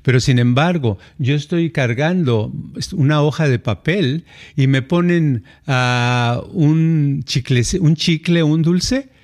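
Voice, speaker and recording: Brief: middle-aged Mexican man, podcast co-host, lively anecdotal chat. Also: on the high side, takes it slowly. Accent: Mexican Spanish. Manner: animated, acts out quoted voices, frequent fillers. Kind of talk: casual conversational storytelling.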